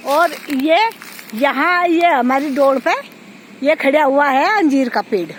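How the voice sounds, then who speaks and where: A woman's voice: high voice, takes it slowly, rough recording. A woman, chatting casually to viewers while walking around her farm and pointing things out, recorded on a phone outdoors. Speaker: village vlogger. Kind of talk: casual walking tour vlog. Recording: faint outdoor noise.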